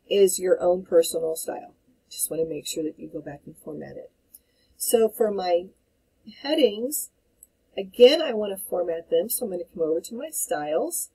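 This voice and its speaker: A woman calmly explaining a spreadsheet task step by step as an instructor, in a screen-recorded tutorial. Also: medium pitch, breathy edge, rough recording.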